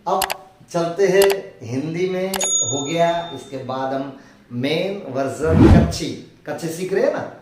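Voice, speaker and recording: A man teaches a language lesson, saying each word and example sentence again and again. He speaks very slowly in a somewhat high voice. The recording is very echoey, with the voice a little away from the mic. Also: far from the mic, heavy background noise. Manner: repeats words and sentences slowly, stretching phrases. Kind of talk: slow spoken language lesson.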